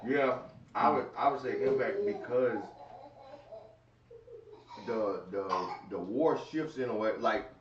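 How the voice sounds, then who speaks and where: A man's voice: medium pitch, slow pace, pauses often, background noise. A man co-hosting a casual podcast debate, arguing his points earnestly and restarting phrases as he goes. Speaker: podcast co-host. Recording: roomy, distant, dull sound with crowd behind.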